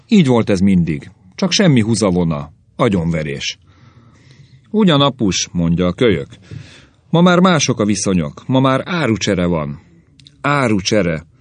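A man's voice: on the low side, no room sound. A man voicing a grumbling old caveman grandfather who rants and complains about the young, in a story reading. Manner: querulous ranting.

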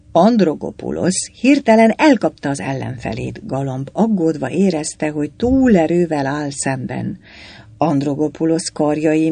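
A man narrating a story with a dramatic, lively reading. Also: on the high side, gravelly, husky, dry recording. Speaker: audiobook narrator.

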